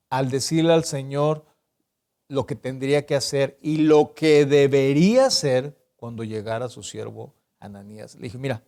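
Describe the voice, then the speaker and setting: A pastor with a Mexican Spanish accent delivers a sermon in a fairly high voice. He acts out the Bible dialogue with sudden pitch jumps and keeps checking in with the congregation. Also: darkish tone. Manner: asks the congregation "¿verdad?" and "¿sí?" often.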